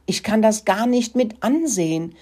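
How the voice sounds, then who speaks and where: A woman voicing a soft-hearted little girl mouse who whispers in distress. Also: mid-range voice, animated, normal speed, breathy edge, voice pushed up.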